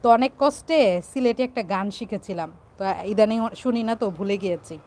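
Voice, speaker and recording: A woman's voice: a little high, animated, quick pace, a little mellow. A playful, teasing woman from Bangladesh hosting a casual live stream and reading out viewer comments.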